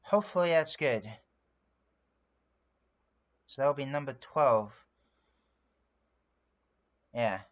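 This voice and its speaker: Drawing on a livestream, a Frenchman, a native speaker, talks casually about what he's doing, rambling and filling his speech with fillers. His medium-pitched voice is expressive and a bit bright, slow with frequent pauses, in lo-fi audio.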